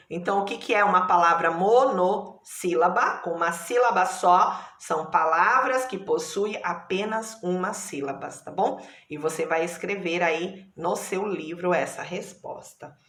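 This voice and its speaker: A woman's voice: mid-range voice, a bit bright, reverberant. A Brazilian woman teacher giving a primary school lesson, patient, stretching out syllables and checking in often. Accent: Brazilian Portuguese. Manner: patient, slow, drawn-out syllables with frequent checks.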